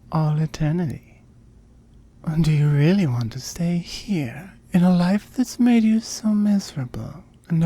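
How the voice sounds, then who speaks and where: In an intimate ASMR roleplay, a woman plays a seductive, smug oni demon, breathy and often whispering. Her voice is fairly low, mellow, and heavily acted as she slowly coaxes and teases.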